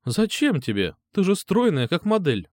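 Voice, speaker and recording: A man's voice: sits high, wildly swooping pitch, moderate pace, a little mellow, no room sound, voice pushed up. A man reading an audiobook, voicing a caring, chatty middle-aged mother in a raised voice. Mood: cheerful. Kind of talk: audiobook character voice.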